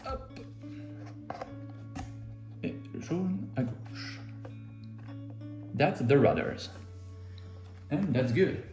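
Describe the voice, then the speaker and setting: A man with a French accent walks through an assembly step by step, his pitch rising and falling a lot. He talks slowly and jokes at his own expense. His voice rings in an echoey indoor room with faint music behind. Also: wildly swooping pitch, a little mellow. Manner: easygoing, jokes at himself, repeats each step in two languages. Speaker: RC model hobby video host. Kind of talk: bilingual step-by-step assembly tutorial.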